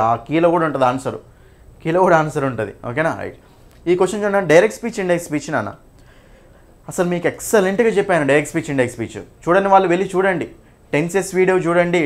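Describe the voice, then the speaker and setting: Fast-talking teacher man. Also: fairly high pitch. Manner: repeats points, checks in with "okay?"; mixes English terms into Telugu. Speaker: English teacher. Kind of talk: exam-prep grammar lesson.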